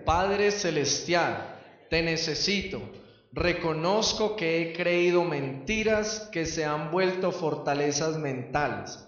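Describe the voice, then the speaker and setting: A man leading a congregation in a recited prayer with a measured, steady delivery. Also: on the high side, heavy reverb, recorded from a distance, highs cut off. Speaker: prayer leader.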